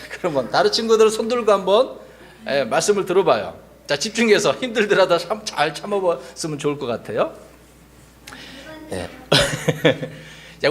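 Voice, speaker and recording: A male pastor giving a children's sermon in church, lively and coaxing, talking straight to the kids. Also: sits high.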